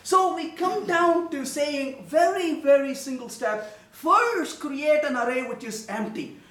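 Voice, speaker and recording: A man gives a technical conference talk with a bright, high voice that jumps all over its range. He jokes and acts out small voices for the audience. He is heard from a distance in a roomy, echoing hall. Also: expressive, a little slow. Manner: playful, joking, acts out little voices. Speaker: conference speaker. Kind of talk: live technical talk with live coding. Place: lecture room with audience. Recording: echoey room from a distance.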